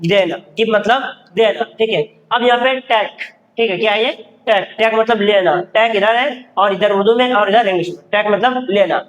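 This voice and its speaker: A man with a high voice teaches vocabulary, repeating every word several times and checking the class with quick questions. The sound carries a long reverb, as if he is recorded in a large hall. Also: muffled recording. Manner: repetitive, drills words and asks the class questions. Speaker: English teacher. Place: standing at a board in a classroom.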